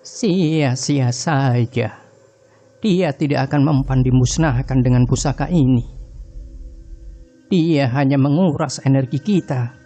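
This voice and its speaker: A man voicing an angry old male village mystic with a raised, strained shout in a horror story. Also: medium pitch, slow pace, long pauses, soft background music. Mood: weary.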